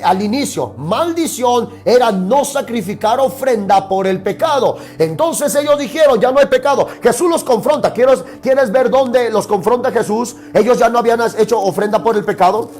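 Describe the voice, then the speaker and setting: A man's voice: very high voice, darkish tone. A man preaching a sermon as pastor, emphatic, asking rhetorical questions and repeating key phrases.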